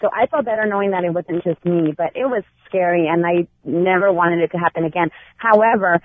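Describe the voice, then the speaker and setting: A woman's voice: lowish voice, slight background noise. Earnest woman caller on phone line. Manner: earnest, halting with fillers. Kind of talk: telling a personal story.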